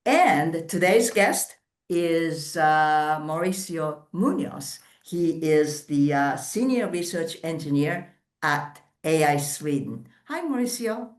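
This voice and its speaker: Woman host in an echoey room. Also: low-pitched. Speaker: host, editor-in-chief. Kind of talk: interview hosting.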